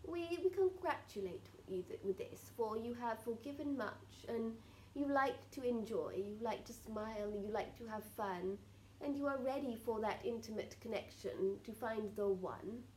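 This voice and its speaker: A woman speaking as a seance medium in trance, giving solemn spiritual guidance in halting, repetitive, formally archaic phrases. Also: on the high side, lively intonation, mellow, slight background noise, low-quality recording. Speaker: trance channeller answering questions as a spirit collective.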